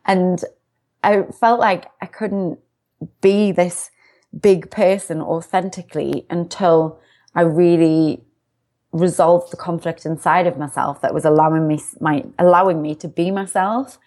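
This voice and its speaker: A young UK woman who works as a success coach chats as a guest in a casual interview, bubbly, upbeat, and self-reflective. Her voice is lowish and darkish in tone, with fairly even intonation and an unhurried pace.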